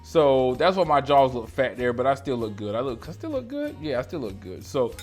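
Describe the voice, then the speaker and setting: A playful man in his late thirties chats straight into a close camera, slangy and loose. He swings from loud, excited bursts to low, mumbled asides. Faint music plays underneath. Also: brisk. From North Carolina, USA. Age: 30s. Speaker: esthetician vlogger. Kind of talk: casual question-and-answer vlog. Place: small room lit by colored lights. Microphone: camera in front of him at close range.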